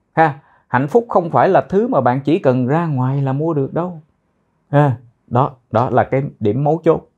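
Man drilling English phrases slowly. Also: fairly high pitch, darkish tone. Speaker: English teacher. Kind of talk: explaining English phrases in a lesson.

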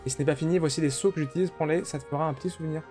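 A man's voice: steady tone, racing, mellow, soft background music, natural voice. A man reading out a proud male gym leader's lines from a video game, in a formal tone. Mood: gracious. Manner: reads game dialogue aloud, lightly raised pitch.

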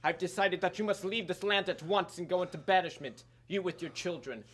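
A man's voice: high voice, fairly quick, a bit bright. A young man acting a stern, commanding king on stage, speaking harshly and with authority. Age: young adult. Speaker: student stage actor.

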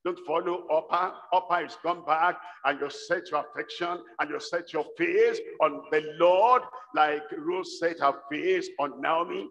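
A man's voice: a little high, measured pace, creaky, hardly any pauses. Older male preacher in an echoing hall. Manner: rhythmic, repetitive exhortation building to shouts. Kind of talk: sermon. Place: large church hall with congregation. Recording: dull livestream sound in a reverberant hall.

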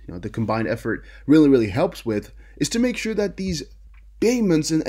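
Medium in pitch and a little mellow, this young man's voice belongs to a crypto news YouTuber whose native tongue is Dutch. His casual reading of and commentary on articles is marked by frequent stumbles and repeated words.

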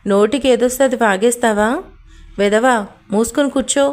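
A woman's voice: fairly high pitch, normal speed, natural voice. A woman voicing a bossy young man who scolds and questions his friend in an audio story. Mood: nagging. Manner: scolding, nagging.

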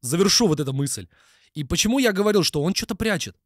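A man's voice: high-pitched, lively intonation, quick pace, no echo, studio quality. A man streaming live, ranting and mocking with constant swearing. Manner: heavy swearing, mocking, ranty. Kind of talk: live stream reaction rant.

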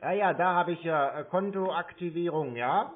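A man's voice: a little high, normal speed. A man stringing along a scam caller on the phone, playing dumb, stalling and teasing. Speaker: scam-baiting call recipient. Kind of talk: prank phone call. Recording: tinny phone line.

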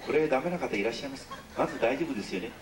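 A man's voice: medium pitch, expressive, rapid-fire, noisy background. A middle-aged man leading an audience sing-along on a ship's stage. He is jokey and overly polite, and he teases the crowd. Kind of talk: live stage banter with call-and-response singing. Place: ship's concert hall with an audience. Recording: roomy, distant live hall recording with music. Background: instrumental music.

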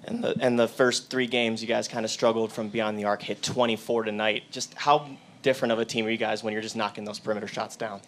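A man's voice: fairly low pitch, level tone, fast talker, fairly bright tone, slight background noise. A male reporter asking a player questions at a press conference, in a plain, direct way.

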